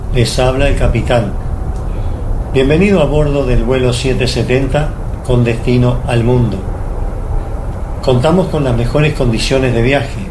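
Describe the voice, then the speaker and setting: A man playing an airline captain who speaks over the cabin intercom and the tower radio, with a formal, measured delivery. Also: mid-range voice, close to an everyday voice. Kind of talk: scripted commercial acting. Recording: echoey sound with loud engine hum.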